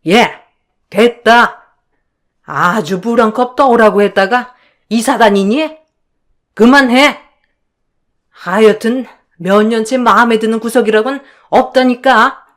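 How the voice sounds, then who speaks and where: A woman voicing a harsh, nagging older mother-in-law in a spoken storybook, scolding with contempt and a biting, sharp-tongued manner. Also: fairly high pitch, takes it slowly, long pauses. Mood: exasperated.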